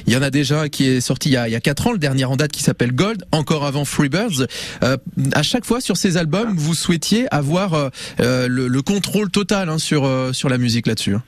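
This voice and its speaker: A man's voice: fairly high pitch, lively intonation, brisk, no echo. A male radio host presenting live in a conversational, improvised way with hesitant phrasing.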